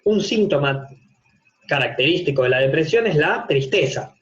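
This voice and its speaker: This man speaks at a normal speed in a somewhat high, expressive and slightly bright voice, carrying an Argentine accent. Lecturing informally online from a home office as a university psychopathology teacher, he breaks ideas into steps and uses everyday examples and rhetorical questions. The sound, from a video call, is dull and lo-fi.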